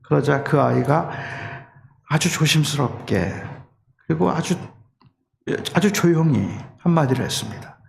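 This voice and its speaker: A middle-aged man preaching a sermon as a pastor, telling a personal story and rising to impassioned shouting. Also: fairly high pitch, animated, unhurried, gravelly. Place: church sanctuary. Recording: echoey church hall with faint ambience.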